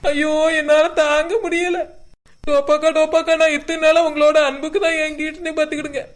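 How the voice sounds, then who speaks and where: Woman doing a fast high-voiced cartoon girl, kanyakumari accent, mocking and snappy. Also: little pitch movement, close to an everyday voice. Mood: mock-touched. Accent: Kanyakumari Tamil. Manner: mocking, quick retorts. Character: sharp-tongued young village woman, sarcastic. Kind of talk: cartoon voice acting.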